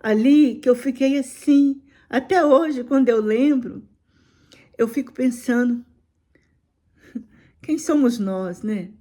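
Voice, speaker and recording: A middle-aged woman tells an emotional personal faith testimony, often dropping to a soft, hushed voice. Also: on the high side, slow, pauses often.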